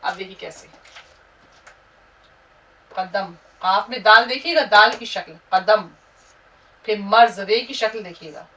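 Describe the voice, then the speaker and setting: A woman teaching Urdu, slowly and patiently spelling words out letter by letter. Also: mid-range voice, pushed and bright, far from the mic, a little hiss or hum.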